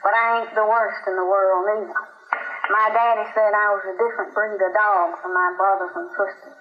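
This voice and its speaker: A woman reading as a calm convict. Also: mid-range voice, close to an everyday voice. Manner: slow, measured, considered. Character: calm, soft-spoken male escaped convict. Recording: dull, roomy recording.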